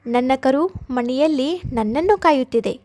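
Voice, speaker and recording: Woman reading a patient mother cow, calm and high, unhurried, barely acted. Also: no room sound.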